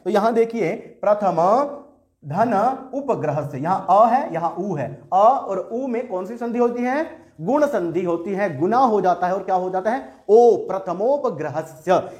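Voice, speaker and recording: A man's voice: high voice, a little mellow. A man teaching a lesson, asking questions and then answering them himself. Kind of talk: classroom lesson explaining exercises.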